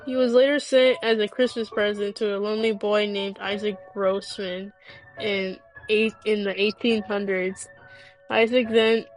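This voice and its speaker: A woman reading a scripted story aloud as narrator, halting and often stumbling and repeating phrases. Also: mid-range voice, rough recording.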